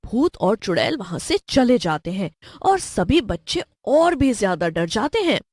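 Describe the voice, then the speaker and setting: A woman narrating a cartoon story in an expressive, lively storybook style. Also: a little high, unhurried, dry recording, clean studio sound.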